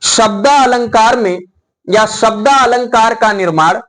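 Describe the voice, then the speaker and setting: A middle-aged man teaching a classroom lesson, explaining slowly and dictating notes for students to write down. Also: high-pitched, fairly bright tone, rough recording. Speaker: Hindi teacher. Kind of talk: classroom lecture.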